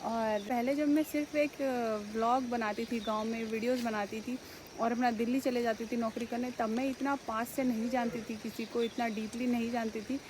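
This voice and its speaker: A woman's voice: fairly high pitch, fairly even intonation, moderate pace, background noise. A young woman answering viewer questions in a casual vlog, earnest and grateful as she reflects. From India. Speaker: village head and vlogger.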